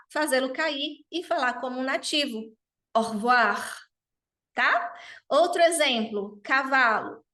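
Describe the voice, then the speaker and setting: A woman's voice: sits high, fairly bright tone. A woman teaching a French pronunciation lesson, saying each word carefully and repeating it.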